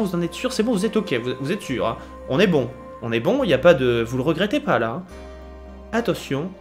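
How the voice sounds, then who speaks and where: A man streaming a game live, reading the story text aloud and chatting with viewers between votes. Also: high-pitched. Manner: reads game text aloud, chats with viewers, laughs often.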